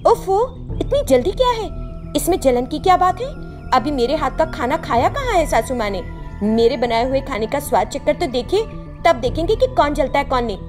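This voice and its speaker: A woman puts on a foolish young daughter-in-law from a cartoon story. She speaks very high, with a lively, pleading lilt. Soft music hums behind her. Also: normal speed. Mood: boastful.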